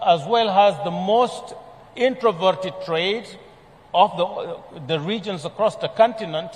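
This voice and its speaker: A man from Senegal presenting a report at a conference, speaking in a measured way with frequent fillers and restarts. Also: high-pitched, slight background noise. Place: large conference hall. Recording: long hall reverb.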